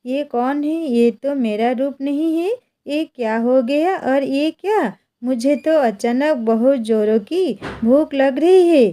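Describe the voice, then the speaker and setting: A woman's voice: high voice, takes it slowly, warm tone. Woman voicing greedy, always-hungry village wife. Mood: frantic.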